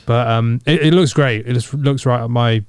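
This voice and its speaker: A man, co-hosting a casual podcast chat, animated and quick to mimic sounds and voices. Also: medium pitch, smooth, dry recording, studio quality. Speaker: podcast co-host. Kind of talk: casual chat reacting to a game trailer. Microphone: studio podcast mic.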